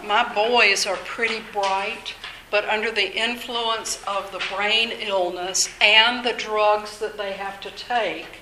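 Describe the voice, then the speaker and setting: Slow, earnest older woman speaker. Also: medium pitch, background noise. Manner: earnest, measured, faith-minded. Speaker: speaker at a workshop on mental illness. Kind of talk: informal talk to an audience. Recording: echoey room.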